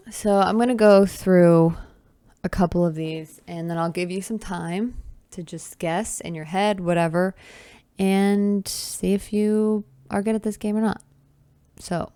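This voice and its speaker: A woman in her twenties with a lowish, gravelly, dark-toned voice hosts a solo podcast. She chats casually and teases herself, adding sighs and asides. It is recorded on a camera with a close mic, with no echo.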